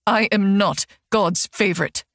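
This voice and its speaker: A woman's voice: mid-range voice, measured pace, no room sound, clean studio sound. A woman narrating a first-person audiobook in a wry, sardonic tone. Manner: wry, sardonic inner monologue.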